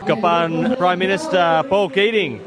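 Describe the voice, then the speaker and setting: An Australian man, a native English speaker, giving interview answers in halting, simple Indonesian as a foreigner, with English words mixed in. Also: high voice, fairly even intonation, over music. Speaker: member of state parliament, interviewee.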